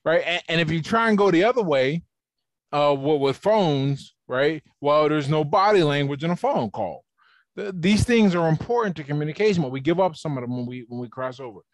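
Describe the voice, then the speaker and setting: A man's voice: on the high side, animated, a little fast, no echo. A man being interviewed on a podcast, explaining his ideas at length in a casual, conversational way over a video call. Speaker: podcast guest.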